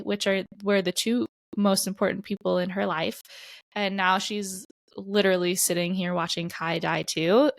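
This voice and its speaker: A woman co-hosting a podcast, retelling a story in casual chat with animated, emphatic bursts of exasperation. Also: mid-range voice, no room sound. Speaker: podcast co-host. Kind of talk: casual book-discussion chat.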